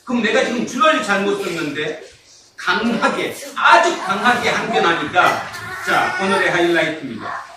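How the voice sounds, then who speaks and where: A male pastor preaching with a lively voice that leaps up and down. He keeps throwing questions at his listeners, stretches key words out slowly and breaks into laughs and shouts. The sound comes from a booming church hall, picked up from a distance. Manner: keeps asking the congregation rhetorical questions; animated, often laughing and shouting for emphasis. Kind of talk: sermon. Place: church sanctuary. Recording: echoey hall, mic far off, noisy.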